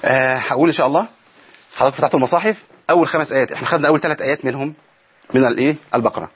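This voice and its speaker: A man's voice: medium pitch, racing, husky, lo-fi sound. A man with an Egyptian accent teaching Quran recitation on a broadcast program from a studio. He explains each rule and keeps asking rhetorical questions to the audience. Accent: Egyptian Arabic. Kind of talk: broadcast tajweed lesson.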